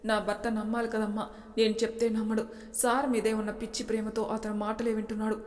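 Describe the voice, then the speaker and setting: A woman's voice: fairly high pitch, completely flat delivery, fairly quick, darkish tone, lightly acted. A woman voicing a young wife and mother in distress, pleading and tearful, close to her own voice. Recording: long reverb.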